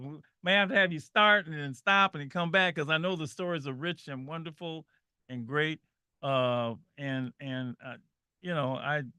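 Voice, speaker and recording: A man's voice: a little high, sharp tone, smooth, no echo, studio quality. A man from Saint Louis hosting a radio talk show, chatty, with folksy asides. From Saint Louis, Missouri. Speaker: radio host. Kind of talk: casual interview.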